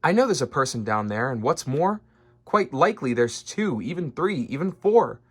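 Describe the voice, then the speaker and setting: A man voicing an earnest, gentle, protective elephant in a storybook, with a pleading, emphatic manner. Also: medium pitch, big pitch swings, normal speed, breathy edge. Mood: pleading, sincere.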